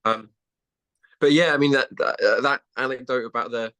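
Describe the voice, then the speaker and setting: A man, a podcast guest chatting and telling stories in an animated way, often restarting sentences. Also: medium pitch, normal speed. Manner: animated storytelling with many restarts. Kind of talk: casual chat.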